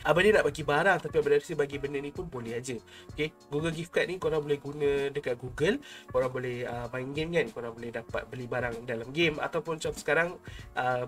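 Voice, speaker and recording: A young man with a Malaysian accent talking casually and informally to his subscribers as a YouTube host, close to a desk microphone. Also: mid-range voice. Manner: informal, chatty, addresses viewers as an older brother. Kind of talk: casual vlog talk to subscribers. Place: small home room, indoors. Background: background music.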